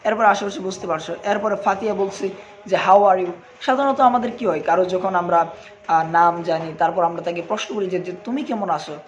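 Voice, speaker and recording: A man's voice: sits high, a little fast, muffled recording, slight background noise. A young man with a Bangladeshi accent, teaching an English lesson in Bengali and spelling words out letter by letter.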